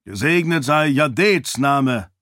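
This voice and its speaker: A man voicing a stern, cunning male warrior priest with a slight foreign accent, speaking calmly and condescendingly. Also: mid-range voice, dry recording, clean studio sound. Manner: calm, measured, condescending.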